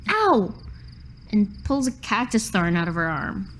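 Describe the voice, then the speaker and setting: A woman's voice: medium pitch, animated, moderate pace. A woman playing a tabletop game, describing her character's actions in a playful, amused way. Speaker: player.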